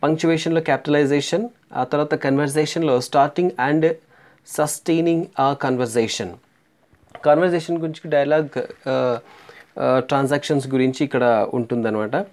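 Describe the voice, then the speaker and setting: A man, teaching a lesson as he walks through an English syllabus, slowing down on English titles and filling pauses with "aa". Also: a little high, steady tone, a little mellow. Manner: slow and deliberate on English titles, with frequent "aa" fillers.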